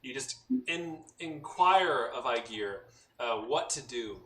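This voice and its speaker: A man running a tabletop game as game master, describing scenes in a halting, descriptive way. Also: mid-range voice, expressive, a bit bright. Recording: echoey room, mic at a distance, faint noise.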